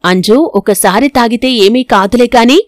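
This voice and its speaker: A woman voicing a widowed father who talks in a brisk, placating way. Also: fairly high pitch, dry recording, studio quality, lightly acted. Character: widowed father, hurried and uneasy.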